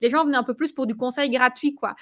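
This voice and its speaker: A woman speaks in a relaxed, conversational way, often pausing on fillers and starting her sentences over. Her voice sits a little high. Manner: hesitant, many fillers and restarts. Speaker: client giving a testimonial. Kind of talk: casual conversational testimonial.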